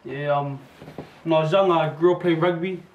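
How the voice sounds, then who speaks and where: A laid-back teenage boy with a New Zealand accent answers questions in easy slang. His voice is a touch high. He sits away from the mic in an echoey room. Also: fairly even intonation, normal speed, far from the mic, phone-quality sound, slight background noise. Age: teens. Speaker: interview guest, student boarder.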